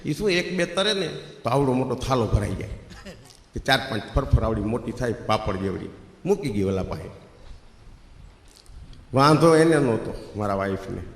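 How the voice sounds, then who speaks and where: A middle-aged man with a Gujarati accent tells comic folk stories from a stage and often jumps into loud, animated quotes. His voice has a mid pitch. The sound rings in a big, echoey hall with a long reverb. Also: normal speed, pauses often. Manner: lively, bursts into loud acted quotes. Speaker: stand-up comedian. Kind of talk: Gujarati folk comedy storytelling.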